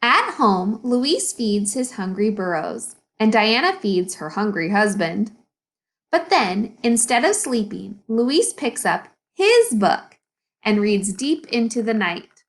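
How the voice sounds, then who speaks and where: Reading a children's picture book out loud, a woman speaking as an elementary school teacher uses a mid-range voice. She is expressive and instructive, taking pauses to explain and to quiz her audience.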